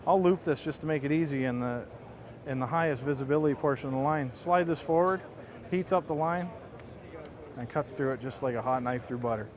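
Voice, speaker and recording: A man giving a casual, conversational product demonstration, explaining things like a marketing rep. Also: brisk. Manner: explanatory, conversational sales pitch. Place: trade show booth. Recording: busy trade show crowd behind.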